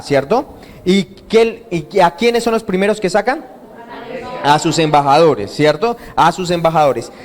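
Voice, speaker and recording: High-voiced pastor quizzing his flock. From Colombia. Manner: asks the congregation questions and has them repeat answers. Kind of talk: interactive sermon. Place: church hall.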